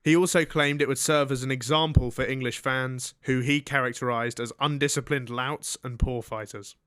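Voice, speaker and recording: A man's voice: medium pitch, steady tone, normal speed, a bit bright, smooth, no room sound, studio quality. A young man co-hosting a comedy radio-style podcast, reading news items and adding sarcastic jokes. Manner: joking, reads news items with sarcastic asides. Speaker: co-host. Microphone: studio microphone.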